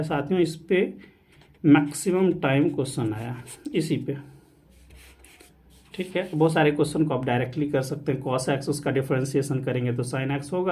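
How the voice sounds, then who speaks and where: A man's voice: medium pitch, a little mellow. A man teaching real analysis in an online lecture, mixing English terms into his Hindi and asking the students rhetorical questions. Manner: repeatedly addresses students as "saathiyon", mixing English math terms; asks rhetorical questions then answers them. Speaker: maths teacher. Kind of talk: online exam-prep lecture.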